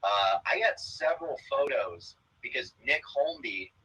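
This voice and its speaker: A man talking casually over a phone on speakerphone, picked up by a laptop mic, telling stories in a loose, rambling way with a husky voice. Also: medium pitch, animated, unhurried, sharp tone, rough recording. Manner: loose, rambling storytelling with fillers. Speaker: comedian guest. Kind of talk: casual interview chat.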